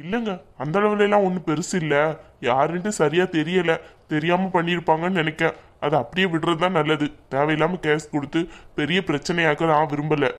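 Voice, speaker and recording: A woman voicing a calm, patient young husband lying injured in a hospital bed, in a cartoon. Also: low-pitched, a little fast, natural voice. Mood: reassuring. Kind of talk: cartoon voice acting.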